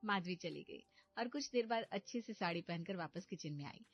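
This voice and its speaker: Woman narrator, calm storybook read, slightly dull audio with soft music. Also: fairly low pitch, moderate pace, no room sound.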